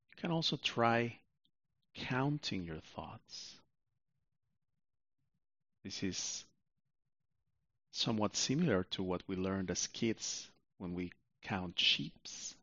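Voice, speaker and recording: A man narrates a sleep meditation in a soothing, sleep-story manner. His voice is lowish and creaky, and he leaves long, unhurried pauses between phrases. The sound is close and dry, though a little dull and muffled. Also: lively intonation, fairly bright tone, no room sound. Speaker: meditation guide.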